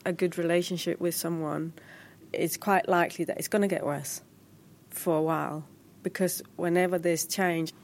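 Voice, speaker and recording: A woman from Denmark, a support worker speaking calmly and steadily in an interview. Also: on the low side. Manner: calm, steady, with small hesitations. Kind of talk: interview talk.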